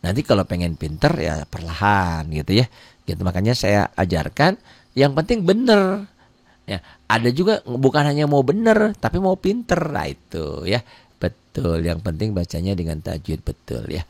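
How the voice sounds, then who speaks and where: Lively Indonesian-speaking male Quran teacher. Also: vocal fry, no echo. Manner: casual, chatty teaching with quick pitch jumps and acted-out dialogue. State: tired. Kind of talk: live online lesson, answering viewer comments.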